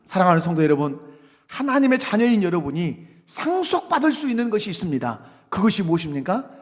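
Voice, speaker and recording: A middle-aged male pastor preaching a sermon. He talks with the congregation in a conversational way and builds to loud, fervent exhortation. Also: high-pitched, very animated, fast. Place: church sanctuary. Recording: long church reverb.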